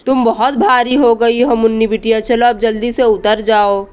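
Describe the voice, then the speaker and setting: A doting old village grandfather, as a woman puts him on in a doll story. The voice is smooth and clear, a touch high, and he gently chides his granddaughter. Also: little pitch movement, moderate pace, close to an everyday voice. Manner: doting, scolding softly. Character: old village grandfather, fond, hooked on tobacco.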